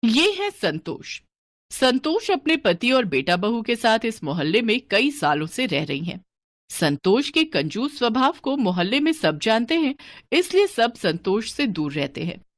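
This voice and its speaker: A woman's voice: a little high, sing-song, a little slow, no room sound, studio quality. A woman narrating a scripted village story in a plain, matter-of-fact way.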